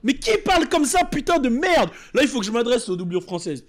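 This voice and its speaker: Animated, swearing high-voiced man. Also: a little fast. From France. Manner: animated, rants and mimics voices, swears often. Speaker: streamer reacting to a trailer. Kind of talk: casual reaction commentary.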